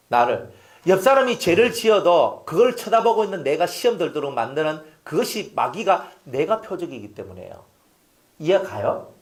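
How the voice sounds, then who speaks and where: A middle-aged male pastor preaching. His voice sits high for a man and swings widely in pitch. He acts out quoted speech and keeps putting questions to the congregation. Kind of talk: sermon.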